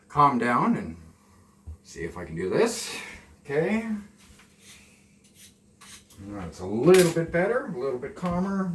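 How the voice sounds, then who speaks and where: Cooking in a small indoor kitchen at home, a Canadian man in his forties chats casually, rambling and putting himself down, a little nervous in front of the camera. His voice is fairly high. The camera is a few steps off, so the audio sounds roomy and distant, with a slight hiss or hum.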